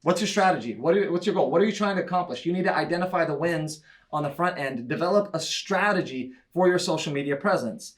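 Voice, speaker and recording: A man giving an enthusiastic, chatty breakout talk at a church conference, with quick asides and laughs. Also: a little high, lively intonation. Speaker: church media leader speaking at a conference breakout. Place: church breakout session room.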